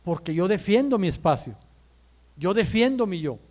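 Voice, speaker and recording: A pastor preaching to his congregation in a fairly high-pitched male voice. He builds his points through strings of rhetorical questions and lands each phrase with a pause. He keeps turning to the room and calling his listeners brother. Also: sing-song, a little mellow. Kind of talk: sermon. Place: church.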